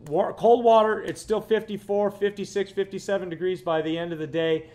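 Here the Florida fishing guide, a man in his fifties, sounds high-pitched and mellow, with fairly even intonation and a somewhat fast delivery. He hosts his vlog seated in his living room, close to the camera, rambling casually and repeating words often.

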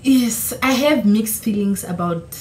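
Her voice is on the high side and a little mellow, at a measured pace. A young Namibian woman and YouTuber who speaks Oshiwambo first, she sits before a camera in a small room at home, chatting casually through questions while laughing and correcting herself. The recording has echo and a faint hiss.

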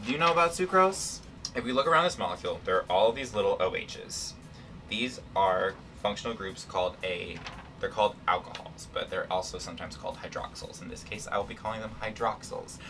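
A young adult chemistry presenter explains science casually in a playful, slangy, irreverent way. His voice is lowish, expressive, pushed and bright, and a little fast. It's captured on a distant camera mic with faint room noise.

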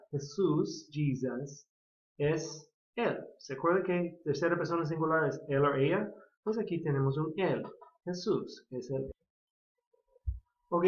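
Man, American accent, native English speaker, slow bilingual grammar lesson, echoey dull lo-fi recording. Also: a little high. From California. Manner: patient, repeats model sentences. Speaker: English teacher.

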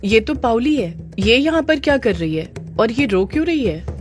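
A woman voicing a sympathetic young man who calms and reassures a crying woman. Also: fairly high pitch, normal speed. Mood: concerned, soothing. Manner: soothing, reassuring. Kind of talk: audio drama narration. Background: background music.

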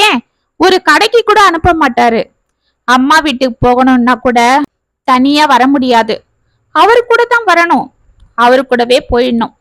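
A woman's voice: high-pitched, fairly bright tone, no echo, poor audio. A woman reading the part of a young married woman, hurt and bitter, pouring out her grievances in a family story.

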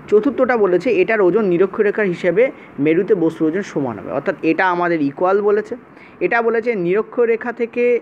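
A male teacher with a Bengali accent from West Bengal, giving a brisk exam-prep science lesson and checking in often with his students. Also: sits high. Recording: dull lo-fi sound with faint noise.

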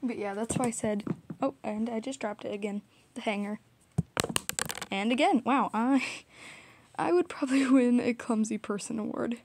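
Young woman, casual art-vlog voiceover: rambling, giggly, self-mocking, fairly high, mellow voice. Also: moderate pace, long pauses, a little hiss or hum. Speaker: art vlogger. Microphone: small audio recorder, drifts off mic.

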